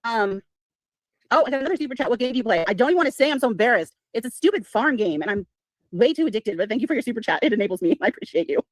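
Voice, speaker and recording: A woman's voice: fairly high pitch, animated, racing, dry recording. A woman hosting a casual livestream chat, sarcastic and swearing freely as she talks. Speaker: livestream host.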